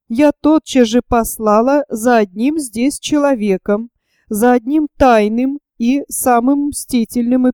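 A woman reading the part of a proud, stern aristocratic older lady who speaks in a measured, coldly formal way in an audiobook. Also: on the high side, warm tone, smooth, dry recording, clean studio sound.

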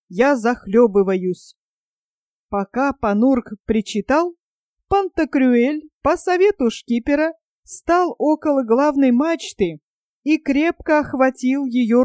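An expressive narrator reading a story aloud dramatically. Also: sits high, no room sound, studio quality.

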